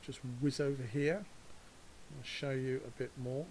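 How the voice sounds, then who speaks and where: A man's voice: mid-range voice, little pitch movement, unhurried, a little mellow, a little hiss or hum, poor audio. A man casually guiding a walk through a virtual world, chatty and rambling, chuckling at his own asides. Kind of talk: casual walkthrough narration. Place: home setup, voice over a VR headset session.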